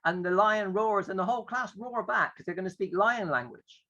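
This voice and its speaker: A drama teacher explains a classroom exercise in a playful, conversational way, often acting out the teacher's lines. His high, pushed, bright voice moves at normal speed on a lo-fi recording.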